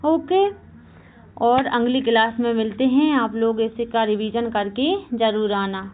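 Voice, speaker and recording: A woman teaching a Hindi grammar class for exam candidates, slowly repeating each point and asking questions that she answers herself. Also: on the high side, fairly even intonation, phone-quality sound. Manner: slow and repetitive, asks questions and answers them herself; keeps saying "okay, remember this". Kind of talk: exam-prep class lecture.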